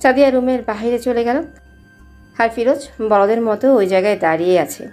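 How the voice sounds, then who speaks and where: Young woman narrator, mellow timbre, steady story reading. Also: fairly high pitch, brisk, soft background music.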